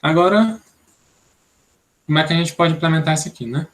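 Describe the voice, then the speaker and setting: A man's voice: a little high, fairly quick, fairly bright tone. Young Brazilian man explaining algorithms. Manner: explanatory, thinks aloud, many "né?" tags. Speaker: instructor. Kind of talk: online programming class.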